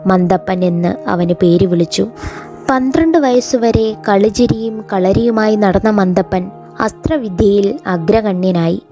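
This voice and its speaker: A woman teacher reading a folk tale from a school lesson aloud in a measured storytelling way. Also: medium pitch, warm tone.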